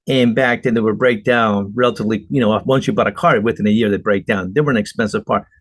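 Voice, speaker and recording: Speaking quickly in a fairly low voice with no room sound, a middle-aged man from Argentina tells stories as a guest entrepreneur in a conversational interview. His manner is earnest and emphatic.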